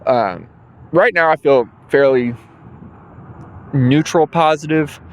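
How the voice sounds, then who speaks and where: A man in his 20s with a higher-pitched voice talks slowly on his own podcast, loosely rambling with frequent ums. He's drowsy and yawns here and there, and the audio has a little hiss or hum.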